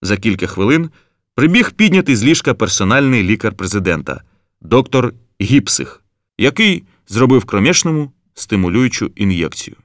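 A man narrating an audiobook in an even storytelling manner. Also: fairly low pitch, moderate pace, no echo, clean studio sound. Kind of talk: scripted narration.

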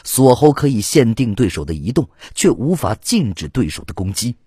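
A man's voice: sing-song, normal speed, mellow, slightly rough, no room sound, studio quality. A man narrating an audiobook in a dramatic storytelling manner, reading scripted narration. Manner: dramatic storytelling with wide swings in pitch.

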